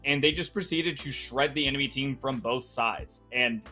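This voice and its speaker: A man's voice: mid-range voice, moderate pace, sharp tone, faint music behind. A man giving color commentary on a live esports match in a loose, chatty way, with frequent fillers. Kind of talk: live game analysis commentary.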